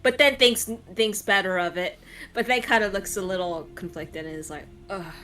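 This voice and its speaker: A woman describing her character's actions at a tabletop game in an unhurried, wry way. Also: medium pitch, lively intonation, fairly bright tone, soft background music. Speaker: player.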